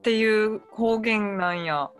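A woman's voice: mid-range voice, faint music behind. A woman with a Kansai accent, hosting a casual chat and asking friendly, curious questions. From Kobe, Japan. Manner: friendly, curious, quick back-channel replies.

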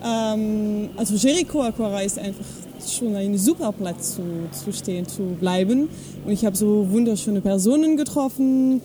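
Outdoors at an evening camp, a travel blogger from French-speaking Switzerland chats as a guest in a casual interview, speaking halting German. Her mid-range voice searches for words amid many fillers, against a noisy background.

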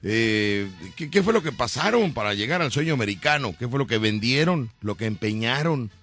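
Lively joking Mexican radio host. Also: male voice, mid-range voice, normal speed, faint music behind. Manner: joking, laughing, animated teasing. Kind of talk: comic radio banter.

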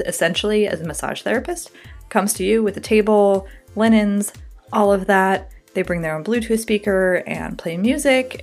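A woman hosting a podcast, reading ads and chatting casually with a guest in an upbeat way. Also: fairly low pitch. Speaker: podcast host. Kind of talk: casual podcast chat and ad reads. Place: home in Brooklyn.

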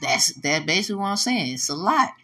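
A woman's voice: on the low side, very animated, brisk, bright, forceful tone, a little hiss or hum. A woman vlogger talking casually in a blunt, profane, preachy and rambling way.

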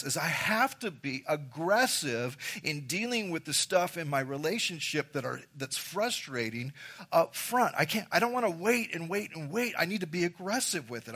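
A man's voice: high voice, sharp tone, husky. A man preaching a sermon as pastor, emphatic, repeating key phrases and addressing the congregation directly.

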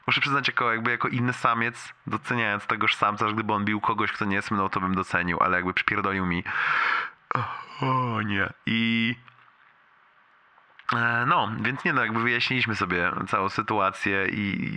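Casting: young man, lowish and very sharp, forceful voice, leaving a sweary, rambling voicemail, amused but wincing. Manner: rambling, colloquial, heavily sweary storytelling; amused, wincing with pain as he talks. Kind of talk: leaving a casual voicemail to a friend.

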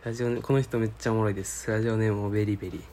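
A man's voice: fairly low pitch, little pitch movement, very fast, mellow, a little hiss or hum. A man hosting a casual solo radio-style show, reading listener mail and talking in a rambling, laid-back, slangy way while searching aloud for his words.

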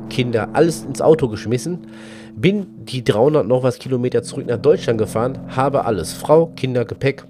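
German man telling a fishing trip story. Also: lowish voice. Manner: lively anecdotal storytelling, quoting friends. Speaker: fishing vlogger. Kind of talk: storytelling vlog.

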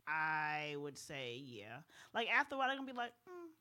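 A woman's voice: low voice, sing-song, brisk, bright, forceful tone. A woman co-hosting a casual podcast chat, often stumbling and restarting as she thinks aloud. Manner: hesitant, stumbling over words. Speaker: podcast co-host.

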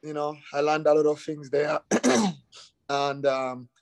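A middle-aged man from Uganda, a youth soccer academy director, talking in a relaxed interview and often saying "you know" and "um". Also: on the high side, slow, gravelly, dry recording. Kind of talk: casual interview.

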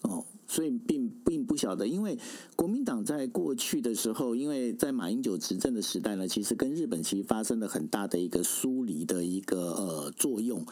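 A man's voice: on the low side, animated, brisk, hardly any pauses, warm tone. A man with a Taiwanese Mandarin accent hosting a conversational political interview, explaining at length and checking for agreement. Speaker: interviewer, host.

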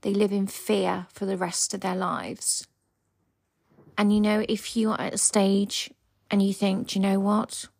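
Slow gravelly lady coach on her podcast, husky, whispers for emphasis, dry close sound. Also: mid-range voice, little pitch movement, no echo. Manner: slow, earnest, drops to soft whispers for emphasis. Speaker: podcast host and embodiment coach. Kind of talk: motivational solo podcast talk. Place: home, with her dog beside her.

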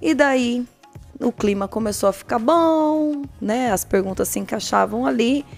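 Over soft background music, a woman hosting a podcast about listeners' dating stories recounts one playfully and casually in colloquial speech, voicing the characters' lines as she goes, in a Brazilian Portuguese accent. Her fairly high, creaky voice has lively intonation and an unhurried pace, suited to comic storytelling.

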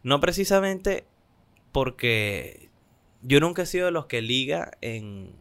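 A man's voice: slow pace, slight background noise. A young man with a Venezuelan accent co-hosting a casual podcast chat, telling stories and acting out what people said. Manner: animated storytelling, acts out quotes in higher voices. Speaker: podcast co-host.

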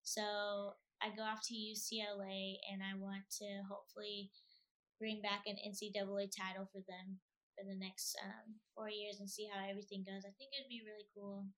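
A young woman talks through her answers in a loose, conversational interview style. Her voice is bright and forward, and she keeps things lively with plenty of filler words. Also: mid-range voice, normal speed. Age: young adult. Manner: chatty, animated, lots of filler "like". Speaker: athlete guest.

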